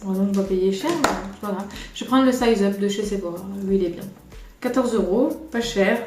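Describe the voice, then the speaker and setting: A woman's voice: mid-range voice, a little fast. Woman from France, casual makeup vlogger; rambling, self-deprecating, roomy sound with faint music. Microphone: camera on a tripod.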